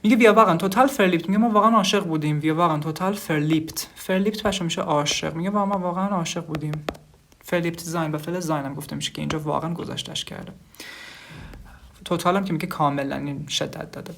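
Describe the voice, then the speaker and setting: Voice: mid-range voice, fairly even intonation, vocal fry, a bit bright, slight background noise. A language teacher giving a casual online lesson, reading short phrases aloud and then explaining each one at length while talking to the students as "kids". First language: Persian.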